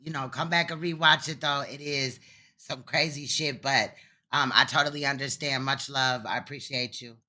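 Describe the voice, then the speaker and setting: A man's voice: medium pitch, fairly even intonation, moderate pace, sharp tone. A man giving casual, blunt, slangy commentary on a livestream.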